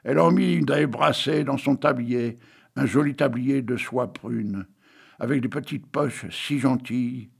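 A man's voice: mid-range voice, unhurried, creaky, slightly rough. An older man reading a tale and poems aloud in a theatrical way, breaking off for wry joking asides. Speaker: reader.

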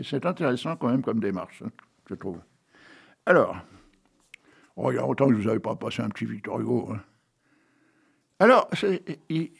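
A man's voice: medium pitch, gravelly, a little mellow, husky. An older man with grandchildren, hosting a radio poetry show, reading poems aloud between chatty asides full of fillers. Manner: chatty, many asides and fillers, dramatic recitation.

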